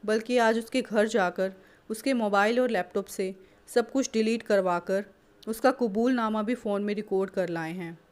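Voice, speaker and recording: A young sister-in-law from a storybook, anxious and pleading, voiced by a woman. She keeps her voice low and hushed, as though afraid of being misjudged. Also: lightly acted. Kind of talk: storybook character voice.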